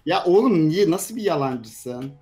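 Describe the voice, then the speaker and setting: A man's voice: a little high, animated, unhurried, warm tone. A man joining a gameplay video as the other player, teasing and mocking his friend and calling him a cheater. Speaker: guest player.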